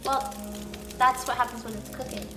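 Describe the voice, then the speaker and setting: A woman's voice: on the high side, little pitch movement, normal speed. A young woman bantering on a cooking livestream in a home kitchen, playful, teasing and dramatic, often laughing. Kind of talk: casual banter on a cooking stream. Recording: echoey kitchen with music behind.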